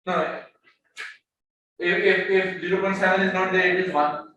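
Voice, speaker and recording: A man's voice: high voice, fairly even intonation, normal speed, bright, forceful tone, muffled recording. A man lecturing a class on economics, explaining step by step, often repeating words as he searches for the next one, and mixing English with Hindi-Urdu phrases. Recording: very echoey room, mic far off, faint background noise.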